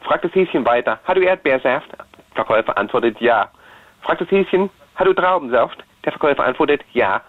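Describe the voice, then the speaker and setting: A man's voice: medium pitch, expressive, fairly quick, no echo. A man from Erfurt calling into a radio show, friendly and eager, telling a joke. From Erfurt, Germany. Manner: friendly, eager, tells jokes. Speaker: caller. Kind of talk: casual phone-in chat. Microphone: phone. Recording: tinny phone line.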